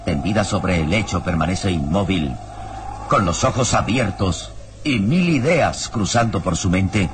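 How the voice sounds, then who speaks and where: On an old radio recording with music behind and a noisy background, a man narrates a serial in a solemn, suspenseful, theatrical style. His voice sits low and sounds animated yet unhurried.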